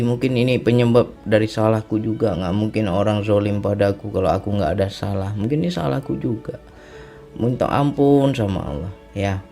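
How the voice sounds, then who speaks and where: A man's voice: lowish voice, warm tone. A middle-aged man giving an earnest spiritual testimony, repeating himself and adding tag questions as he reflects. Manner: earnest, repetitive, often adds tag questions. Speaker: speaker sharing a personal testimony.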